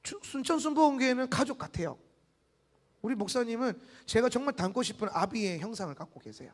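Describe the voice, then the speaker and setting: A middle-aged male pastor giving a sermon, swinging between loud exclaiming and soft confiding, and acting out quoted dialogue. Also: extremely high pitch, expressive, quick pace, long reverb tail. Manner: acts out quoted dialogue in small voices. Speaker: guest pastor.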